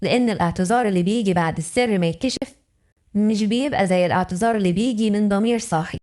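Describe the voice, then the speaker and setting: A woman's voice: mid-range voice, very fast, darkish tone. A woman with an Egyptian accent narrating a dramatic first-person story in an emotional, intimate way. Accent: Egyptian Arabic.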